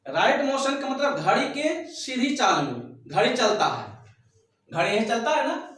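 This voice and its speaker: A man teaching a shorthand class, explaining slowly and repeating his points. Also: very high voice, very animated, fairly bright tone, heavy reverb, recorded from a distance. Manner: slow, repetitive explaining. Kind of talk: classroom lesson.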